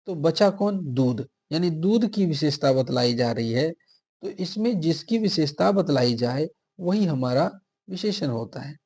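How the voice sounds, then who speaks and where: A male teacher with a mellow, somewhat husky voice works through quiz questions one by one. He reads each answer option aloud and repeats it before settling on the right one, in a patient, step-by-step classroom manner. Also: a little high, expressive, unhurried. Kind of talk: exam-prep grammar lesson.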